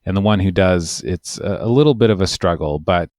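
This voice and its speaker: A man's voice: low-pitched, a little fast, a little mellow, no room sound, studio quality. A man, an immigration lawyer, telling a long, wry, rambling story in casual podcast chat.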